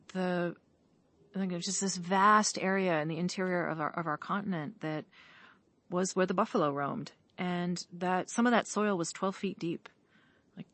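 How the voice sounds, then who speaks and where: A woman with a fairly low voice chats enthusiastically outdoors in the woods. She rambles and leans on "like" as she talks, loose and conversational. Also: dry recording. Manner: enthusiastic, rambling, heavy use of "like". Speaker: guest on a podcast. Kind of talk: casual conversation. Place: outdoors in woodland.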